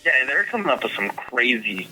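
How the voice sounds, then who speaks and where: A man's voice: medium pitch, sing-song, moderate pace, sharp tone, soft background music, low-quality recording. A young man co-hosting a casual podcast, speaking hesitantly with many fillers and restarts. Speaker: podcast co-host. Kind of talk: casual sports podcast chat.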